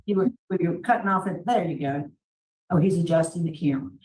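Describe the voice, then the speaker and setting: A woman's voice: lowish voice, brisk, a little mellow. A woman leading a formal parole hearing over a video call, polite and procedural, calling people sir. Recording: roomy, distant from the mic.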